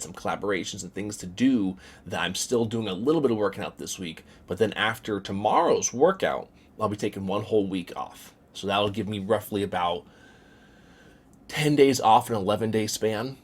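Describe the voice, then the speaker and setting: A man's voice: on the low side, fairly quick. A young man talking casually in a vlog, rambling and repeating words with many fillers. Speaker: vlogger.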